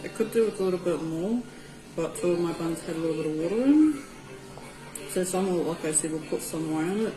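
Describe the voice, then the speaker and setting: A woman's voice: on the low side, expressive, brisk. A woman with a New Zealand Māori accent giving an easygoing, informal cooking tutorial, mixing in Māori words. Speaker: home cook presenting a recipe. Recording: roomy echo with music behind. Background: music.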